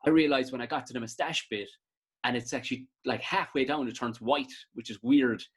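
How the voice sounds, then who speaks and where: An Irish comedian in his thirties chatting casually as a podcast guest, telling stories with bursts of high mock voices. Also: a little fast, husky. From Ireland. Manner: animated storytelling, jumps into high-pitched mock voices.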